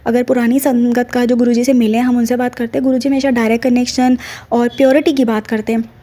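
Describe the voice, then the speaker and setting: A woman's voice: fairly high pitch, flat delivery, fast talker, dark tone. A middle-aged woman shares a personal devotional experience, telling her story earnestly and addressing her listeners directly. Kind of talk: devotional testimony talk.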